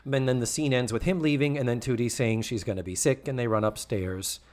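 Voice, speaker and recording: A man's voice: mid-range voice, brisk, darkish tone. A man hosting a casual podcast, chatty and acting out quoted lines from an old sitcom. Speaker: podcast host.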